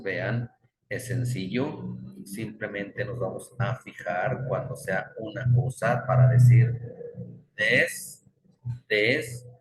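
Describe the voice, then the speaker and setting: A man with a lowish voice teaching a class at an unhurried pace. He drills the same short examples again and again and patiently corrects his own slips. The sound is roomy, with the echo of a classroom. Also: slight background noise. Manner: stops to correct himself. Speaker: English teacher. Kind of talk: classroom grammar explanation. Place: classroom with students.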